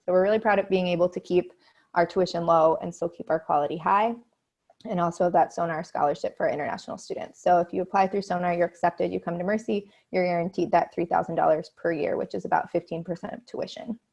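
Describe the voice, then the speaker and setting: A woman's voice: fairly low pitch, fairly even intonation, fast talker, vocal fry, darkish tone. A woman representing a university, giving an upbeat, chatty webinar presentation from home over a video call.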